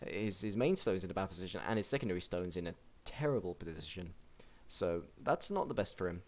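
A young man casually commentating a strategy game match, chatty and excitable, with frequent restarts. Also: low voice, fairly quick. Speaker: game caster.

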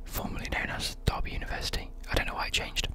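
A young adult with a British accent giving a whispered, informal ASMR chat, with soft mouth sounds. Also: fast. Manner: whispering throughout. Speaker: ASMR creator, university student. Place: indoors at a desk. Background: occasional tapping and desk creaks.

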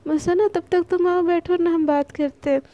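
Woman playing a pushy talkative young woman, insistent, high voice with a dark mellow tone, storybook. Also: fairly even intonation, normal speed, no echo, highs cut off. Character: pushy chatty young neighbor woman Manya.

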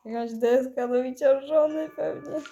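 A stoned woman, high on weed, giving dazed, giggly, foul-mouthed rambling commentary while gaming. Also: fairly even intonation, measured pace, warm tone, faint music behind. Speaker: mobile game player. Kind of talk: casual gameplay commentary.

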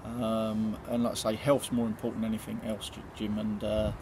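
A middle-aged man speaks as a football manager in a post-match interview, plain-spoken and full of ums and repeated words. He is recorded outdoors at night beside a stadium building with a camera close up. Loud outdoor noise runs under his voice. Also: on the low side, monotone, moderate pace.

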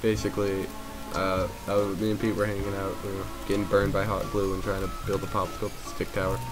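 A young man co-hosting a let's play, chatting casually, loud and excitable and often laughing. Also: sits low, fast talker, rough recording. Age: young adult. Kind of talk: casual gaming chat. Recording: music playing behind. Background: game music.

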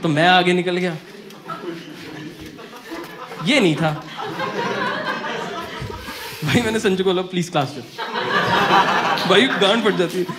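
A young man telling a comic school story on stage, animated and acting out the voices of friends and teachers. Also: high-pitched, slow, long pauses, over a noisy crowd. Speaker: stand-up comedian. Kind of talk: stand-up storytelling.

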